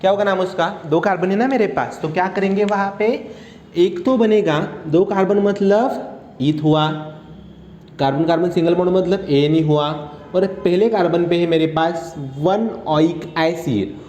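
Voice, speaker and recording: A man's voice: high voice, darkish tone, echoey room, slight background noise. A young male chemistry teacher lecturing online, drilling and playfully scolding his students as he talks them through each step. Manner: teasing, scolding, quick drills.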